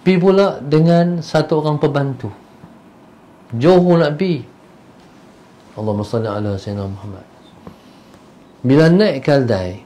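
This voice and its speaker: A man giving a religious lecture as a storyteller, moving between loud bursts and soft asides. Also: medium pitch. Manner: animated, acts out the characters' voices. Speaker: religious teacher.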